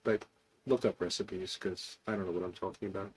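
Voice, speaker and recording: A man hosting an online pipe club hangout answers viewers' comments casually and off the cuff. His low voice is gravelly and creaky, with fairly even intonation and a brisk pace.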